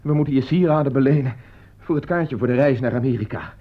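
An actor playing a worried middle-aged doctor and father in an old radio play, speaking in a grave, measured way. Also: medium pitch, close to an everyday voice. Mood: anxious. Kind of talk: 1950s-style radio drama acting. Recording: dull old radio recording.

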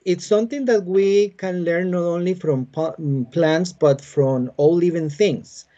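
A Costa Rican biologist and university teacher in his forties answers interview questions in Spanish-accented English, his voice slightly high, soft, and warm. He explains patiently but haltingly, pausing on many "uh"s, from a home room with bookshelves, and the audio is muffled, coming through a laptop webcam on a video call.

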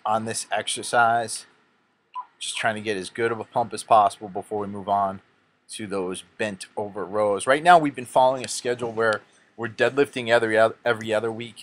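A man's voice: on the low side, slight background noise. A young man casually narrating his own workout, giving instructive tips with a self-mocking streak.

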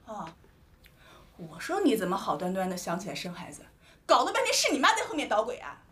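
A fast-talking furious young wife. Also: female voice, mid-range voice, huge pitch swings, echoey room, slight background noise. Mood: indignant. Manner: sharp, fast and scolding. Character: angry overworked young wife. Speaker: wife in a family drama. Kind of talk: TV drama acting.

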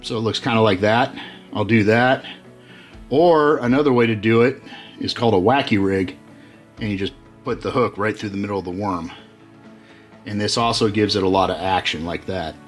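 Surrounded by tackle on the workshop walls, a middle-aged man with a lowish voice explains his bait rigging for his fishing channel. He moves at a moderate pace, pausing often, relaxed and full of fillers and restarts, over soft background music.

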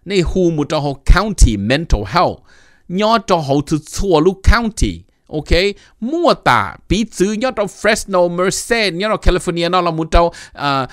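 Animated man giving advice. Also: sits high, slow pace, dry recording, clean studio sound. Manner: animated, mixing in English terms. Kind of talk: casual informational talk.

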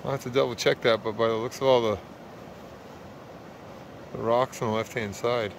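A man's voice: medium pitch, fairly even intonation, normal speed, noisy background. A man vlogging on a canoe trip, talking casually with fillers while tired, recorded outdoors on a handheld camera. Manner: easygoing, rambling, with fillers and laughs. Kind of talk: casual outdoor vlog narration. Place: outdoors on a wilderness lake and river trip.

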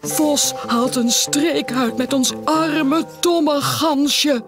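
A woman's voice: high voice, extremely slow, over music, pitched above the performer's own voice. A woman voicing a weary, worried male rabbit in a children's storybook, sighing as he speaks. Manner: sighing, gravelly.

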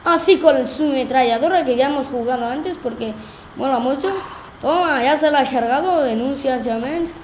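A woman's voice: sits high, normal speed, darkish tone, echoey room, slight background noise. A woman with a Spain Spanish accent giving playful, joking let's-play commentary, laughing often. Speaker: gaming video host.

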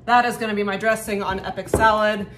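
A woman's voice: mid-range voice, flat delivery, quick pace, background noise. A woman chatting casually and upbeat to camera in a lifestyle vlog, with frequent "like" fillers, filmed at home and out on her porch. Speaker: lifestyle vlogger. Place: home kitchen and outdoor porch.

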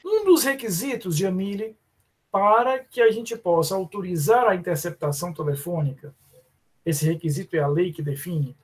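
A man with a Brazilian accent teaching a live online law class, often calling students by name and slowing down to stress terms. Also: high-pitched, husky. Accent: Brazilian Portuguese. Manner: addresses students by name, many fillers and restarts. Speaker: law professor.

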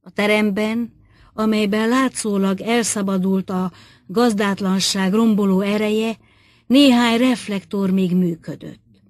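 A woman narrating a literary short story as an audiobook reader, measured and expressive. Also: mid-range voice, dry recording, studio quality.

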